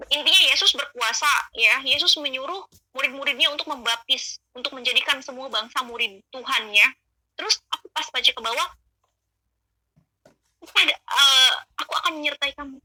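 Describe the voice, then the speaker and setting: A woman tells her conversion story in an earnest, emotional way, talking to her listeners like friends. Her voice sits high and sounds very bright. The recording is close and dry, with no room sound. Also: moderate pace, no room sound, rough recording. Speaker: convert giving a testimony. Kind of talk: spoken personal testimony.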